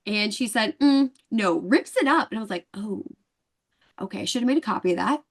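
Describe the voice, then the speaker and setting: Fast-talking woman telling a lively story. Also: medium pitch. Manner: animated storyteller acting out dialogue. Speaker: guest. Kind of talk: casual interview chat.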